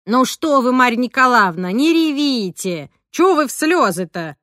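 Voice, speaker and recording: A woman voicing a blunt, grumbling older cleaning woman in an audiobook, with a slow, drawn-out delivery. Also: mid-range voice, sing-song, bright, forceful tone, no room sound, clean studio sound. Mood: gruff. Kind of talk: audiobook character reading.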